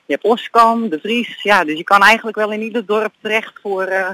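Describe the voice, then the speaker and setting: Bright, chatty woman on a walk. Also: medium pitch, brisk, no room sound, poor audio. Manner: chatty and enthusiastic, frequent hesitations. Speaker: guest from a regional fund. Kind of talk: phone-in radio interview while walking. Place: outdoors, on a walk.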